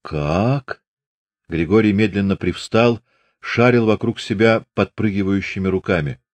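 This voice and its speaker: Low, dry male audiobook narrator. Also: dry recording. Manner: steady, measured reading. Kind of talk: scripted literary narration.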